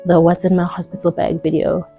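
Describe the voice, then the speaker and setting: A young woman, heavily pregnant and a little out of breath, chatting casually to camera in a vlog with soft laughs and frequent ums. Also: lowish voice, completely flat delivery, fairly quick, faint music behind. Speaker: vlogger.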